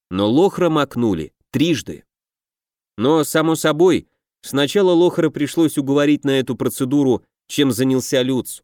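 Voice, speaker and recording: A man narrating a fantasy audiobook in a steady, measured way. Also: medium pitch, no echo, clean studio sound.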